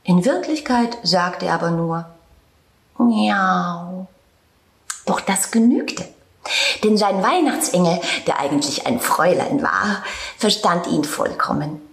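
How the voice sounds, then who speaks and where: A woman narrating a storybook tale with a calm, tender reading manner and soft whispered passages. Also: fairly low pitch, normal speed. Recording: roomy echo.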